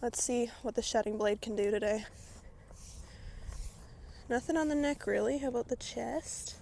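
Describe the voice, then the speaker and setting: A woman's voice: a little high, moderate pace, creaky, a little mellow, a little hiss or hum. Breathless chatty woman vlogging at a barn. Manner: chatty, rambling, with frequent filler words. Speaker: vlogger and horse owner. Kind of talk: casual chatty vlog while grooming a horse. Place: outdoors at a barn.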